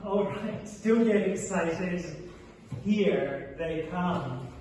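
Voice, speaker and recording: A man reading a stage play from a script as a bitter, idle middle-aged country gentleman, with a sardonic, theatrical delivery. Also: high-pitched, lively intonation, very slow, full character voice. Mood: dry mockery. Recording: echoey hall from far off, faint noise.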